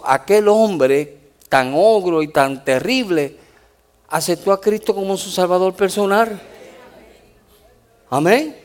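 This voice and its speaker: In a church in the United States, a male pastor preaches a sermon and tells his stories with lively animation. His voice is high for a man, and he keeps dotting his points with amens.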